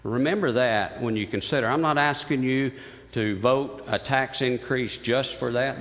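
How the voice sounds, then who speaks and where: Earnest man addressing a commission. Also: mid-range voice. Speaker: speaker at a public meeting. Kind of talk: public comment. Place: large county commission room. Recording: reverberant hall.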